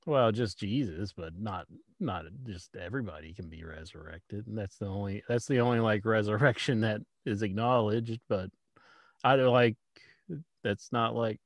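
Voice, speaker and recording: A man's voice: lowish voice, normal speed, no room sound, studio quality. A man chatting casually as a podcast co-host, cutting in with a wry manner. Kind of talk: casual chat.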